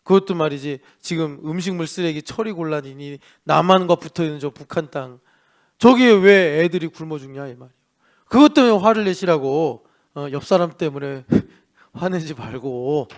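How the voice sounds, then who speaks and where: Male pastor, middle-aged, lively sermon delivery, voices for characters, higher-pitched. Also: normal speed. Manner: animated preaching, mimics the devil and sulking people. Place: church worship service.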